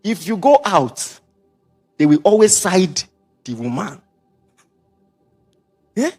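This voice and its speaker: Lively Nigerian preacher with a high voice. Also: male voice, husky, soft background music. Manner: lively preaching with Pidgin asides and quick repetitions. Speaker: pastor. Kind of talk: sermon.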